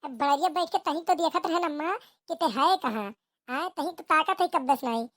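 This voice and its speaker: A woman's voice: high-pitched, fairly quick, fairly bright tone, no echo, studio quality. A woman with an Awadhi accent voicing a short-tempered village mother in a cartoon comedy, nagging and repeating her rebukes. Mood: scolding.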